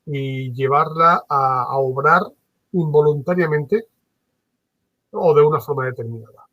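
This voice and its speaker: A man gives a workshop lecture, changing his tone on purpose to show his points. His voice is husky and a little high, and it is recorded dry and close. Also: measured pace, no room sound, dull audio. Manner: animated, varies his tone on purpose, uses many fillers. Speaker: trainer. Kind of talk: workshop lecture on phone customer service.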